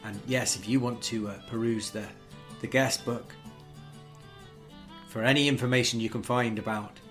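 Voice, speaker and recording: A man playing a tabletop role-playing game, talking through his plans in polite, formal, measured phrasing. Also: mid-range voice, steady tone, a bit bright, faint music behind. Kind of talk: in-character tabletop role-play discussion.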